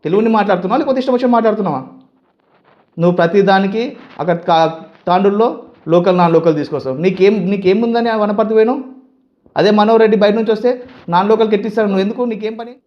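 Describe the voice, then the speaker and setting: Fast, heated Telangana-accented man. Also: sits high, highs cut off. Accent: Telangana Telugu. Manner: heated, scolding, rhetorical questions. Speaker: youth leader of a community association. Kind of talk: angry political statement to camera.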